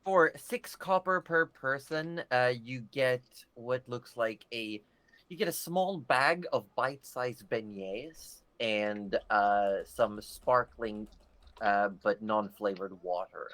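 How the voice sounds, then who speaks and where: A man's voice: mid-range voice, takes it slowly, fairly bright tone. A man narrating a tabletop game as game master, describing scenes with many fillers.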